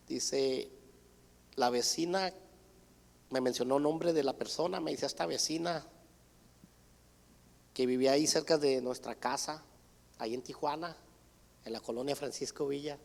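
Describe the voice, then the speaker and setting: A man's voice: medium pitch, gravelly, a little mellow. A man giving an earnest church testimony, retelling conversations with his mother and others. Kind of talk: sermon testimony. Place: church hall. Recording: church hall reverb.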